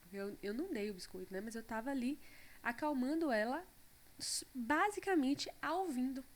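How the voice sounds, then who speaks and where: A woman talking in a relaxed conversation, reflective, with frequent fillers. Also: high-pitched, normal speed. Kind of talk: casual conversation.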